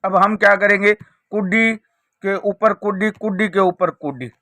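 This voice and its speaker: A man's voice: high voice, fairly even intonation, normal speed, pushed and bright, no echo. A man presenting a card trick tutorial, explaining it step by step with repeated rhetorical questions. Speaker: magic trick teacher and presenter.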